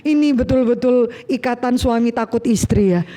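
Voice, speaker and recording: High-voiced woman preaching an animated sermon. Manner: animated storytelling, acting out biblical characters in quick asides. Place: church service.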